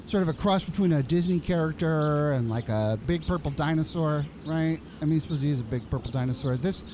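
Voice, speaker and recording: A man's voice: a little high, a little fast, noisy background. A man hosting a casual comic interview, hesitant and bemused, often stammering and restarting. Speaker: show host.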